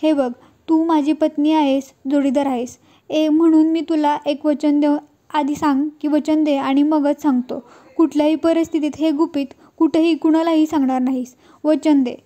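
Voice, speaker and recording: A woman's voice: high voice, little pitch movement, moderate pace, dark tone, natural voice. A woman reading the lines of a guarded middle-aged holy man in a serial recap, in her own plain voice.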